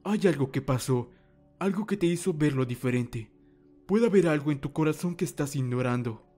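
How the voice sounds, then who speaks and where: In a fan dub, a man voices a calm, wise old mentor, speaking formal Latin American Spanish in a measured, reassuring way. His voice is on the high side, with soft music playing in the background.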